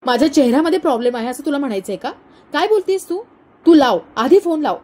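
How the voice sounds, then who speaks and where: A short-tempered mother-in-law barks orders and scolds everyone around her, as a woman storyteller reads her part. The voice stays fairly high and mellow rather than harsh. She sounds bossy and impatient from start to finish. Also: expressive, quick pace. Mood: bossy, scolding.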